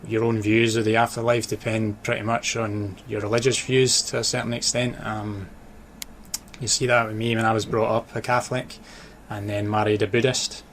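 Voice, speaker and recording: A Scottish interview guest with a low, even voice keeps a moderate pace in casual radio conversation. He's an author and sports journalist from Dundee, his accent blending Dundee, Glasgow and Edinburgh, with background noise clearly present.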